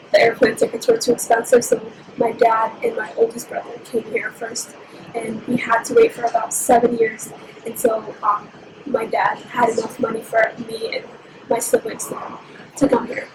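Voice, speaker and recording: In a personal interview, a reflective young woman from Egypt, a university student and native Somali speaker, tells her stories without hurrying. She speaks in a high, flat voice. Steady background noise comes through clearly in the echoey room.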